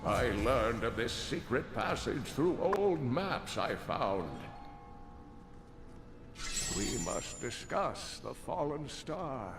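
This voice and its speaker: A man playing a kindly, frail old scholar in a video game, with an aged voice and a solemn, theatrical, measured way of speaking. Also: medium pitch, sing-song. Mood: grave, grateful. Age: older. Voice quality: creaky, aged. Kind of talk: video game character acting. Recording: echoing, with game music behind.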